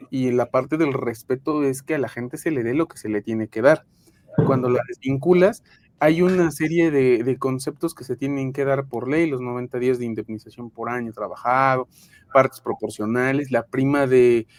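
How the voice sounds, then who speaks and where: A woman's voice: a bass voice, normal speed, a little mellow, no room sound. A Mexican woman co-hosting a podcast, explaining human resources in a frank casual chat with many fillers and restarts, connecting remotely from home. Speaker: podcast co-host, HR professional.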